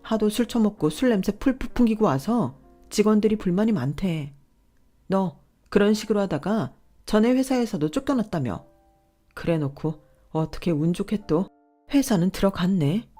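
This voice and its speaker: A woman voicing a furious young pregnant wife who scolds and shouts at her husband. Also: mid-range voice, animated, normal speed, faint music behind, natural voice. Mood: scolding.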